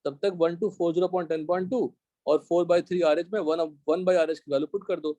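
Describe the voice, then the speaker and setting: A man's voice: a little high, fairly even intonation, mellow, no echo. A young man with an Indian accent teaching a live chemistry class, explaining step by step and often checking whether the class is following. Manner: dictates slowly in English.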